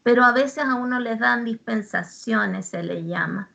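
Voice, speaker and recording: Woman hosting a chat, bright voice with gravelly fry, asks thoughtful questions. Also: on the high side, a little slow. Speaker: host. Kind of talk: casual chat.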